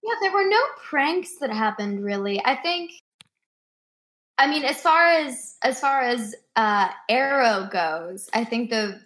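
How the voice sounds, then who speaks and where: A woman in her twenties, a guest actress on a remote interview, telling animated stories and acting out the people in them. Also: mid-range voice. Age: 20s. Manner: animated storyteller, acts out quoted dialogue.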